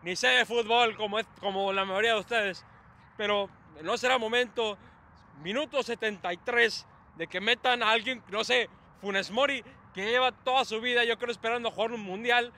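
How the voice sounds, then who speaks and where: A young man reacts to a match outdoors in a city, speaking into a handheld camera. His voice sits very high and sounds bright and forceful. He moves from calm play-by-play to bursts of shouting. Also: moderate pace. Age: young adult. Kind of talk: live sports reaction commentary.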